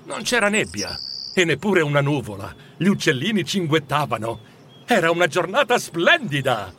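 A man narrating a children's storybook in an expressive, animated way. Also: a little high, normal speed, a little hiss or hum. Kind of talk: storybook reading.

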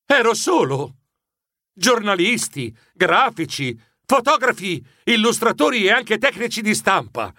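Guy reading a kids story, high bright voice, animated and dramatic. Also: no echo, studio quality. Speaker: audiobook narrator. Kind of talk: expressive storybook narration.

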